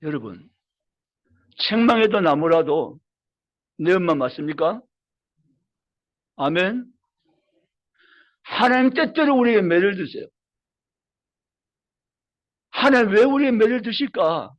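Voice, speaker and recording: Animated, high-voiced male pastor preaching. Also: slow, pauses often, lo-fi sound. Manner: storytelling with acted quotes, rising emphatic appeals. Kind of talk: sermon.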